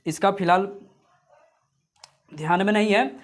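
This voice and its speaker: High-pitched and measured in pace, this coaching teacher drills exam material repetitively and keeps calling viewers his "friends." His memory tricks come wrapped in jokes and little sung phrases.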